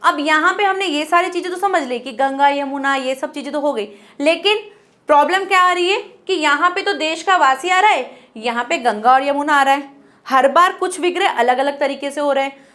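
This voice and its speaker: A woman's voice: high-pitched, moderate pace, sharp tone. A woman teaching a grammar lesson who explains step by step, asking and then answering her own questions. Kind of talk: classroom lesson.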